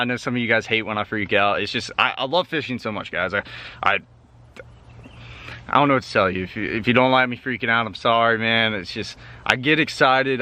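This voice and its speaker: A young man vlogging while bank fishing at a pond outdoors, talking in excited slang and bursting into shouts. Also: lowish voice. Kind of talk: excited outdoor vlog commentary.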